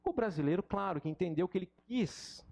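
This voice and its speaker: A man's voice: sits high, brisk, gravelly. A middle-aged man with a Brazilian Portuguese accent, an English teacher giving an informal, joking lesson and mocking his students. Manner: animated and joking, mocks students.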